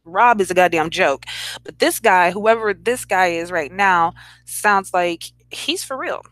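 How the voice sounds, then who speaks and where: A woman's voice: lowish voice, unhurried, fairly bright tone, no room sound. A woman hosting a casual commentary stream, reacting to clips with chatty disbelief. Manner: incredulous, chatty, talks to viewers.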